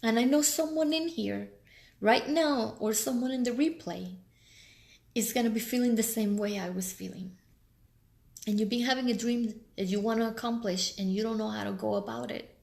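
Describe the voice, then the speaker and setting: Teary, gravelly woman preaching to her audience. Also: on the high side, normal speed, pauses often, a little mellow. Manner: earnest, preachy, heartfelt. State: teary, crackly voice. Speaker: motivational life coach. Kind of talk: emotional live-stream address. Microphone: live video stream.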